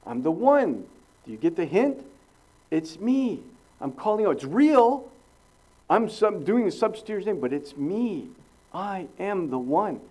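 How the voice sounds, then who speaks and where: Middle-aged male preacher, earnest expository sermon delivery, mellow tone in a slightly raised register, emphatic swings between loud and hushed. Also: high voice, big pitch swings, measured pace, low-quality recording.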